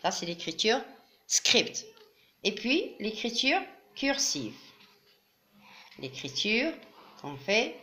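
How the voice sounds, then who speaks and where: A woman's voice: medium pitch, sing-song, bright, forceful tone. Patient woman teaching a craft. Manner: patient, explains slowly with fillers. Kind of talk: step-by-step craft tutorial.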